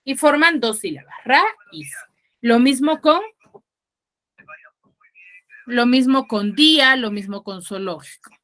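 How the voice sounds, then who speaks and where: Bright, higher-voiced woman teacher, patient step-by-step explainer, video-call lesson. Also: a little slow, long pauses. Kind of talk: online class lecture.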